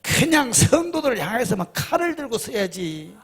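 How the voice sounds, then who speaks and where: A man's voice: very high-pitched, sing-song, normal speed, a bit bright, slightly rough. A middle-aged male pastor preaching a sermon, emphatic, often firing rhetorical questions at the congregation.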